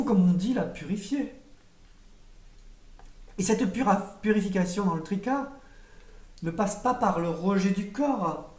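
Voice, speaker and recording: A woman giving a spiritual teaching in a calm, measured, meditative way, with occasional hesitations. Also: medium pitch. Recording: roomy echo, voice from a distance.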